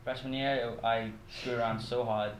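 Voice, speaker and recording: A man's voice: medium pitch, flat delivery, normal speed. A man in his twenties from Bahrain, a college student talking casually and self-deprecatingly in a documentary interview, peppered with "like". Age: 20s. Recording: echoey room, faint background noise.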